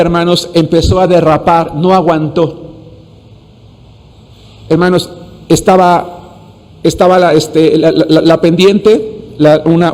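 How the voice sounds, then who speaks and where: A pastor with a darkish, high-leaning voice preaches and tells a story in a church sanctuary, the recording carrying long hall reverb. He frequently calls out to the congregation and repeats words while hunting for the right ones.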